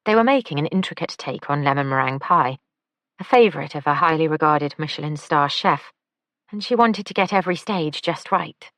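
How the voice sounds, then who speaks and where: Low-voiced woman narrating an audiobook. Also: animated, a little fast, fairly bright tone, no echo. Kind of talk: scripted narration.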